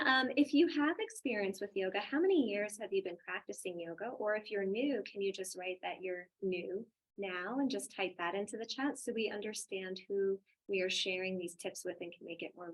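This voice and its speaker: A woman with a creaky, fry-edged voice at a middle pitch hosts an online yoga session. She is informal and upbeat, speaking casually as a teacher would to students. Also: brisk, poor audio. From Germany. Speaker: yoga webinar host and teacher. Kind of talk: casual presenting and personal storytelling.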